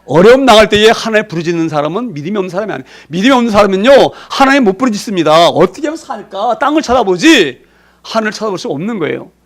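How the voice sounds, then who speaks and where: High-voiced man preaching emphatically. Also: sing-song, very fast. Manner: emphatic preaching with rhetorical questions. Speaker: pastor. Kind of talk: sermon.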